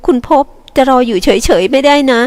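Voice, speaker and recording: A woman's voice: a little high, moderate pace, darkish tone, long reverb tail, lightly acted. A woman voicing a kind young woman who sighs with sympathy and is eager to help, in an audiobook. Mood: sympathetic.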